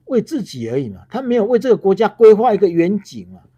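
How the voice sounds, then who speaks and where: A man's voice: high voice, very animated, fast, warm tone, husky. A man with a Taiwanese Mandarin accent giving heated political commentary on a livestream. He scolds in rhetorical questions and restarts often.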